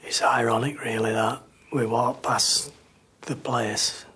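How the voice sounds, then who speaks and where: A bereaved father speaking in a halting, plain-spoken way in a documentary interview. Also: mid-range voice, fairly even intonation, pushed and bright, husky.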